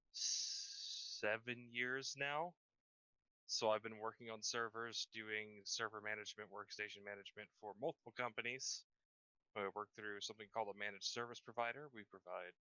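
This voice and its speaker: A man's voice: medium pitch, bright, forceful tone, smooth, no room sound. A man casually introducing himself on a podcast, rambling a bit with restarts. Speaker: podcast guest. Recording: muffled lo-fi mic.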